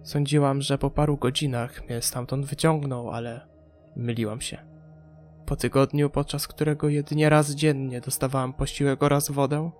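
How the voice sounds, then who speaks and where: A man's voice: mid-range voice, little pitch movement, moderate pace, darkish tone, faint music behind, close to an everyday voice. A man voicing a haunted forty-year-old woman recalling her time in an asylum, in an audiobook. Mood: haunted, pained. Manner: withdrawn, pained recollection.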